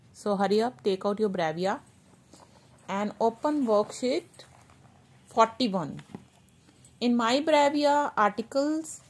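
Woman teacher, very slow, drawn-out delivery, mixes English and Hindi. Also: mid-range voice, darkish tone. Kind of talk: classroom grammar lesson.

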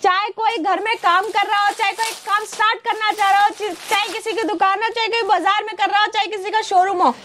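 A young woman selling wholesale clothing in a warehouse, pitching energetically and repeating her selling points. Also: fairly even intonation, fairly quick, few pauses, a bit bright, a little hiss or hum. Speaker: wholesale seller. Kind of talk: sales pitch showing products.

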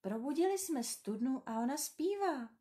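A woman voicing a gentle, curious little boy prince in a storybook reading, soft and earnest. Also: high voice, lively intonation. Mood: wondering.

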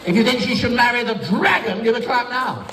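A man's voice: very high-pitched, fairly quick. An older man with an English accent, doing playful, theatrical kids' party magician patter and teasing children as he instructs them. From England. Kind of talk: kids' party magician patter, live comedy stage show. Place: large wood-panelled indoor council chamber. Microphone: audience phone camera from several metres. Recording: echoey hall, distant phone, noisy young audience. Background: crowd of children and adults.

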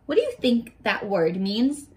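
In a small furnished bedroom, a woman in her 20s reads a picture book to little ones in a primary-teacher manner, talking straight to them and asking easy questions. Her high voice is a little mellow, with huge expressive pitch swings and a measured, unhurried pace.

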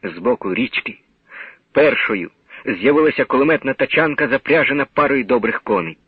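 A man giving a grave, measured dramatic reading of a novel as narrator. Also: medium pitch, expressive, husky, no echo. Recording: narrow old radio broadcast sound.

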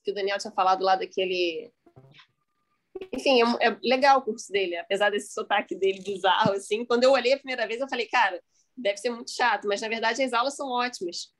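A woman's voice: medium pitch, quick pace. A woman student, chatting casually and animatedly during a class discussion.

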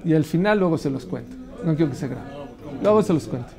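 A man teaching a Torah class, telling a long story with lively pauses and questions to his listeners. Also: a little high, soft background music. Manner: animated storyteller, asks the audience questions, mixes Hebrew terms.

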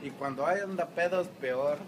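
Young man behind the camera, joking and swearing, slightly high voice, distant, loud noise. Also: moderate pace. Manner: joking, cursing. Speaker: cameraman among friends. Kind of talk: rowdy casual banter. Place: motel parking lot at night, outdoors. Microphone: phone camera he holds.

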